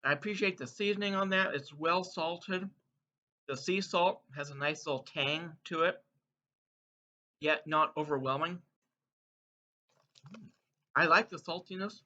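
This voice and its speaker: With a slightly high, pushed and bright voice, a man unhurriedly hosts a casual taste-test vlog, leaving long pauses. He munches crunchy chips and playfully announces verdicts to viewers, recorded in dull, muffled lo-fi sound.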